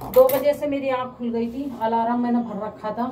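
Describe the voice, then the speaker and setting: A woman chatting casually to her viewers in a home vlog, speaking slowly because of sore mouth ulcers. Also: on the high side, fairly even intonation, warm tone, roomy sound, far from the mic, a little hiss or hum. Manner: chatty, often addresses viewers as guys. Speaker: family vlogger.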